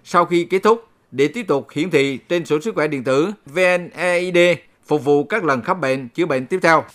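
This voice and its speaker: Male local-radio announcer, pitch a little high, formal measured read of scripted public notices. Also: fairly bright tone.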